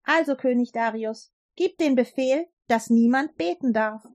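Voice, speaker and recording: A woman's voice: a little high, unhurried, darkish tone. A woman voicing scheming male court ministers in a read-aloud Bible story, with a sly, wheedling manner.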